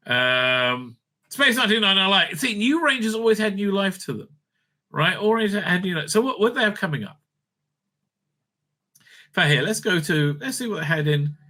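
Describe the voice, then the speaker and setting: With a slightly high voice and a bright, forceful tone, a man gives loose, unscripted commentary on new audio dramas. He rambles, repeats words, swears freely and doesn't hold back his opinions.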